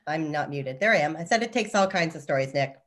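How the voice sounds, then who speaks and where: A woman's voice: low-pitched, expressive, quick pace. A woman moderating a video-call panel, upbeat and encouraging as she hands the floor to each speaker.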